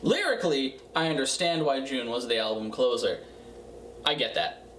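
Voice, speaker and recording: A man giving a casual, profane music review in a tipsy, rambling way, halting and repeating himself. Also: medium pitch, lively intonation, fairly bright tone. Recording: roomy, distant mic, faint noise.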